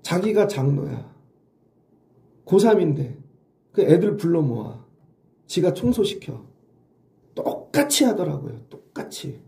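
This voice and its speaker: A man's voice: a little high, very animated, slow pace, gravelly, pauses often, warm tone, roomy sound. A middle-aged male pastor giving an early-morning sermon in a conversational way, often asking the congregation questions. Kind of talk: dawn sermon.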